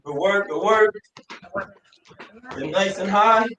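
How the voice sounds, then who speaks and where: High-pitched male aerobics instructor in echoey room. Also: slow. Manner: encouraging, with shouted cheers. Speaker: fitness coach. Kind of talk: aerobics instructor leading a workout, counting reps and calling out exercises. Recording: echoey room, distant mic, faint noise.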